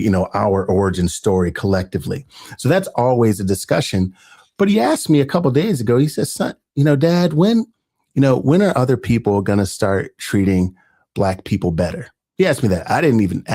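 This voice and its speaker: A man hosting an earnest, conversational commentary, growing animated as he talks. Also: fairly low pitch. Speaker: host. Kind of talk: casual commentary.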